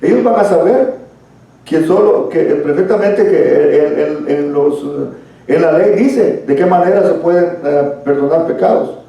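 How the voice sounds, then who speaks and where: A man's voice: a little high, a little slow, creaky, mellow. A man leading a church Bible study lesson, explaining at length and addressing listeners as brother, recorded from a distance in a church hall. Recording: echoey room, far from mic.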